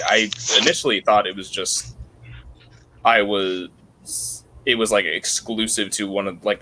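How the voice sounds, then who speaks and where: A man's voice: low-pitched, pushed and bright, poor audio. A young man in casual podcast chat, trading jokey asides about a game.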